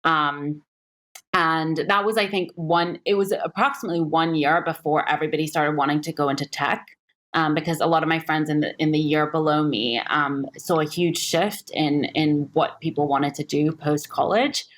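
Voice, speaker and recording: Woman, 30s, from Singapore, investor guest; low-pitched, reflective, pauses often. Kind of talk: podcast interview.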